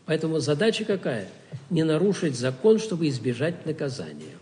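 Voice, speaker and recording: A man's voice: on the high side, big pitch swings, a little fast, warm tone, long reverb tail, slight background noise. A man giving a spoken theology lecture, asking rhetorical questions and answering them himself, often stopping and restarting words.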